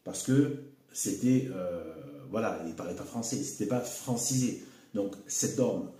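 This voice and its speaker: A man giving an unscripted solo video monologue, halting and repeating words, with frequent fillers like "hein" and "voilà". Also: fairly low pitch, warm tone. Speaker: video commentator. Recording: echoey room.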